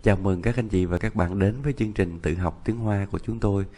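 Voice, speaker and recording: A man teaching a self-study language lesson, counting slowly and repeating each word with deliberate care. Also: low-pitched, mellow. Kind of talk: slow instructional lesson.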